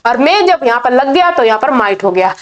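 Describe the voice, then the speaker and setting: A woman's voice: a little high, very animated, highs cut off. A woman teaching an English grammar lesson in Hindi, patiently repeating each rule. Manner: slow, patient, repeats key points.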